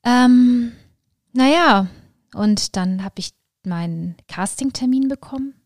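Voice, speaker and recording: A woman, a podcast guest, telling her life story in lively conversation with many fillers and restarts. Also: on the high side, slow, no room sound, clean studio sound.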